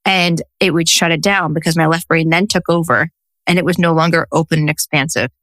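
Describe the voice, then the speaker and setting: Guest, woman, 40s, social worker turned coach; lively storyteller, lowish pitch, dry mic. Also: brisk, no echo. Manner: animated storyteller who acts out quotes. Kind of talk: casual interview conversation.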